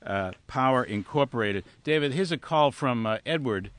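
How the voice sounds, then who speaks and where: A male radio talk show host, speaking in a measured way, with occasional uh's and restarts. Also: mid-range voice, expressive, a bit bright, no room sound. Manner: measured, hesitant with fillers.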